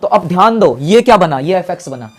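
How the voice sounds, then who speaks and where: Fast-talking male maths teacher. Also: high voice, expressive. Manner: asks questions aloud and answers them himself; calls students brother in a friendly way. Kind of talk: classroom maths lesson.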